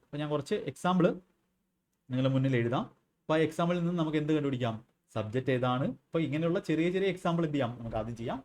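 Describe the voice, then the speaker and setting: A man's voice: a little high, a little mellow. Malayali man teaching grammar by quizzing himself. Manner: asks and answers his own questions, repeats key words. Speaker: English teacher. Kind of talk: exam-prep grammar lesson.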